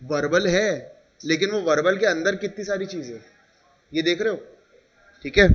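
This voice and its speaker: A man with an Indian accent teaches a class in a high voice, explaining with examples and checking often that his students follow. The recording is dull and lo-fi. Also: normal speed, a little hiss or hum. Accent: Indian English. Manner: explains with examples, asks "ठीक है?" again and again. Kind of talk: classroom lecture.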